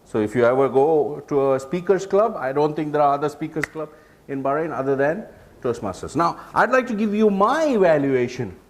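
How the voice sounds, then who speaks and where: A man presenting a public speaking workshop, lively and joking with the audience. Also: a little high, brisk. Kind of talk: live workshop talk.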